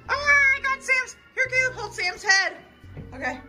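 A woman in her thirties hosting a casual family vlog, talking in an upbeat, excitable way and coaxing her kids and the viewers along. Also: extremely high pitch, moderate pace. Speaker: parent and channel host. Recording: clear background music under the talk.

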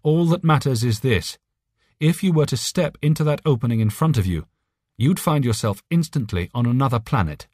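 A man performs an alien's telepathic voice in an audiobook, earnest, friendly, and urgent, choosing his phrasing carefully. Pitched above his own natural-sounding voice, the mid-range delivery is animated, a little mellow, and moderately paced, recorded dry with clean studio sound.

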